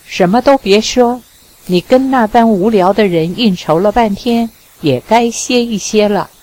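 A woman's voice: medium pitch, unhurried, a little mellow, lightly acted, low-quality recording. Woman reading as a teasing young charmer. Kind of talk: audiobook reading.

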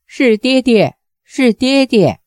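A woman's voice: high-pitched, expressive, takes it slowly, a little mellow, no room sound, clean studio sound, pitched above the performer's own voice. A woman putting on a timid, stammering young daughter. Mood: hesitant. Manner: hesitant, stammering.

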